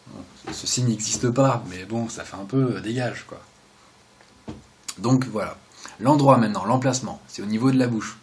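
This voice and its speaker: A young man talks through a relaxed video lesson in a chatty, joking way. His voice sits at an ordinary middle pitch, and he often trails off into quiet asides between explanations. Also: a little hiss or hum. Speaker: video host teaching sign basics.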